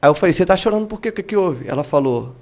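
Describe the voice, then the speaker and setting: High-voiced man giving a vivid testimony. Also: lively intonation, racing, a little mellow. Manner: vivid storytelling that acts out remembered dialogue. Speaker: evangelist, guest. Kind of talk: testimony in a podcast interview.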